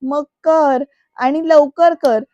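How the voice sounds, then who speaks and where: A woman's voice: sits high, fairly even intonation, dark tone, no echo, dull audio. A woman doing a teasing young friend. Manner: brisk, teasing, emphatic.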